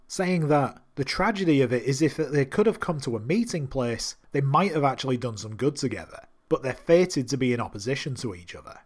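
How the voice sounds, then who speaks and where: A man narrating a scripted recap of a TV drama episode, enthusiastic with wry asides. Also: medium pitch. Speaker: TV series recap host.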